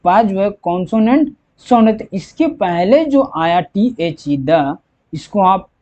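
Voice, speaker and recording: An English teacher with a mid-range, slightly mellow voice slowly explains grammar step by step, repeating each point and answering their own questions. The recording is dull and lo-fi.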